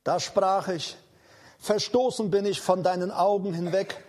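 A man preaching a charismatic sermon, proclaiming in declarative repetitions and slow, emphatic commands. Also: high voice, steady tone, a little mellow.

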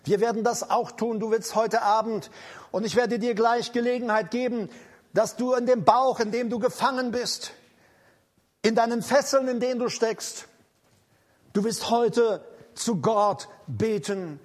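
A man preaching a charismatic sermon, proclaiming in declarative repetitions and slow, emphatic commands. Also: extremely high pitch, fairly even intonation.

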